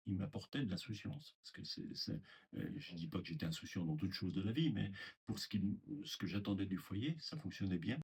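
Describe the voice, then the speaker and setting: An older man talks in a very low, gravelly voice with a husky, rough edge. He recalls things slowly and hesitantly, stopping and restarting his sentences in a reflective interview. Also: animated, darkish tone. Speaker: former resident interviewee. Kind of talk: recorded testimony interview.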